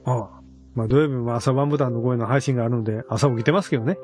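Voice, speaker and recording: A man from Osaka with a Senshu Osaka accent, hosting a casual podcast chat with animated, quick talk and laughing asides. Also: medium pitch, soft background music. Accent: Senshu Osaka dialect. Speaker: podcast host.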